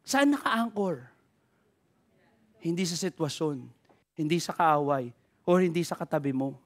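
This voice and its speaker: A man with a Filipino accent delivers a lively church sermon. His voice sits high for a man, and he keeps calling out to the congregation as he moves between Tagalog and English. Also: measured pace. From Philippines. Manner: energetic preaching with repeated call-outs to the congregation; switches between Tagalog and English mid-sentence. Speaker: pastor.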